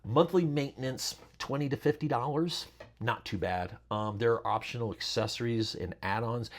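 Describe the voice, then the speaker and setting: A middle-aged man who hosts a channel gives a casual how-to talk, rambling with plenty of fillers and chatty asides. His voice is medium-pitched and his speed normal.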